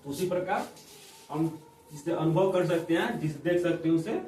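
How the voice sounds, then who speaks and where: A man's voice: fairly high pitch, normal speed, warm tone, far from the mic, a little hiss or hum. A man teaching grammar to students, explaining with everyday examples and checking often that they follow. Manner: explains with examples, keeps asking "ठीक?". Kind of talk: classroom Hindi grammar lesson. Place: room with students. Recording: echoey room, voice from off-mic.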